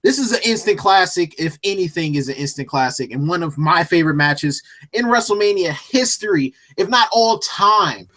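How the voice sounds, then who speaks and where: A man co-hosting a casual podcast chat, telling an animated, jokey story. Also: high voice, normal speed, hardly any pauses. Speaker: co-host.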